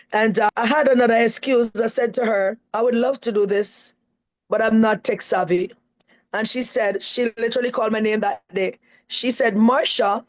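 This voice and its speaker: A woman's voice: fairly high pitch, poor audio. A woman with a Jamaican accent, a guest on a live-stream interview, telling her story in an earnest, emphatic way. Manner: earnest and emphatic, often adds "right?".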